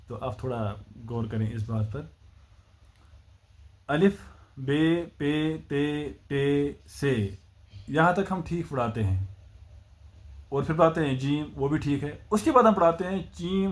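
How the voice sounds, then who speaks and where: A man with a Kashmiri accent teaching the Urdu alphabet, patiently sounding out each letter and explaining its pronunciation. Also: mid-range voice. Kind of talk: spoken alphabet lesson.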